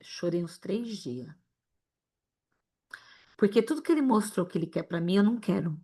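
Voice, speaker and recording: A woman's voice: medium pitch, animated, moderate pace, warm tone, slightly rough. A woman from Brazil teaching an informal Bible lesson to an online group. She talks straight to the group and acts out little dialogues as she goes.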